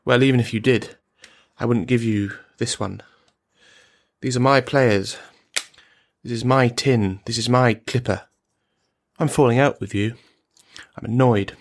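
This man's natural, mid-range voice holds a steady tone at a measured pace, with frequent pauses. His radio play monologue casts him as a bitter, brittle, threatening army veteran rambling and brooding before a silent listener, sounding irritated and menacing.

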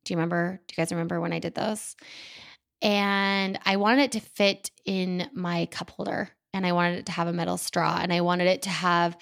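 A woman's voice: fairly low pitch, level tone, normal speed, gravelly, fairly bright tone. A woman in her thirties talking into a microphone in a candid, chatty, self-deprecating monologue as a podcast host. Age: 30s. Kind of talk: casual personal monologue. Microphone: studio microphone.

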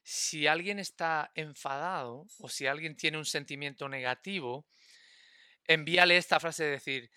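A man with a very bright, crisp voice explains technology as a podcast guest. He talks in a stop-start way and often repeats words while he searches for the next one. The sound is dry and close. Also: fairly high pitch, normal speed, no room sound. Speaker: guest expert.

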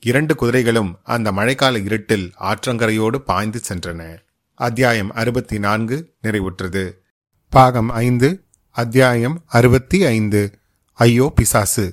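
A man narrating a historical novel as a podcast audiobook, in a measured, steady reading voice. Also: mid-range voice. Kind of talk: scripted storytelling narration.

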